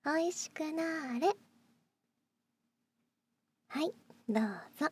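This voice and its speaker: In this ASMR roleplay, a young woman pampers the listener as a doting young woman, her high voice moving slowly in soft, breathy whispers near the microphone. She sounds sweet and doting.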